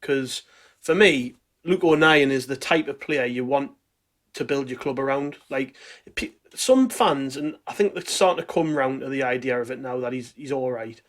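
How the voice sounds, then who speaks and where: A man's voice: mid-range voice, moderate pace, a bit bright. A man hosting a football fan podcast in a casual, conversational way. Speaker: podcast host.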